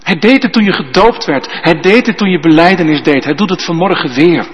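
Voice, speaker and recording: A man preaching a sermon as pastor, slow and emphatic, often ending points with a tag question. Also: sits high, slightly rough. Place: church. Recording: dull sound with long church reverb.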